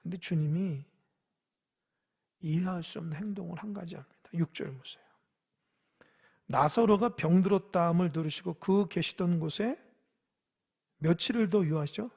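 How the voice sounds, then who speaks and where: A male pastor preaching a sermon, swinging from loud urging to hushed whispers and asking the congregation questions. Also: sits high, normal speed, gravelly, pauses often, husky. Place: church sanctuary.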